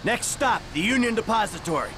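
A cool-headed heist leader in a video game, his voice sitting high for a man as he gives orders calmly. The dialogue carries a hiss of noise under it. He stays in control and turns menacing without raising his voice. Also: a little fast. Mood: commanding. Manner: calm, commanding, threatening. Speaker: bank robber leading a heist.

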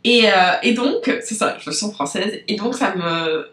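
A woman's voice: medium pitch, lively intonation, a little slow, fairly bright tone, echoey room. A woman from France with a French accent, a business coach hosting her podcast in a loose, unscripted monologue that rambles and digresses as she talks straight to her listeners. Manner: rambling, chatty, loses her thread and digresses; talks directly to listeners with frequent fillers.

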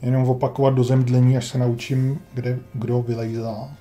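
Dark-voiced man grumbling through a retro game. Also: mid-range voice, completely flat delivery, soft background music. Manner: wry, grumbling, talks to himself while playing. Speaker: gameplay commentator. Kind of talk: casual let's-play commentary.

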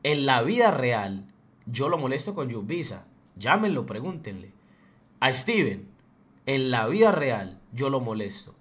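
A man's voice: mid-range voice, sing-song, a little slow, fairly bright tone. A young man from Colombia with a Colombian accent from Antioquia, delivering a blunt, profane, fired-up rant as a streamer. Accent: Colombian Spanish, Antioquia. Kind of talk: heated livestream rant.

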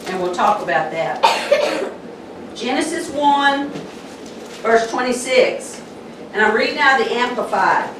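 Slow-preaching Southern woman pastor. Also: on the high side, lively intonation, background noise. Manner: slow, emphatic preaching with pauses. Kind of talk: sermon. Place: church sanctuary. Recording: echoey church hall, mic from a distance.

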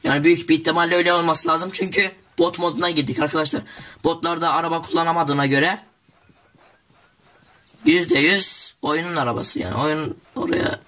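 Excitable teenage boy gaming. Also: a little high, a little fast. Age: teens. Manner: excitable, jokey, talks to viewers as "arkadaşlar". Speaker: gaming YouTuber. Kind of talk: casual gameplay commentary.

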